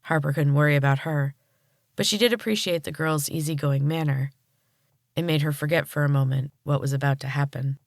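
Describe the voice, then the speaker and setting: A woman podcast host narrating a storybook chapter in a calm, measured way. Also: deep voice, dry recording, clean studio sound.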